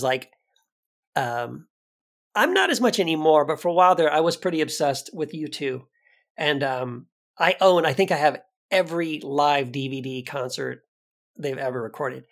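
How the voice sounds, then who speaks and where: A man co-hosting a podcast in casual conversation, animated, his voice jumping high for emphasis. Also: moderate pace. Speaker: podcast co-host.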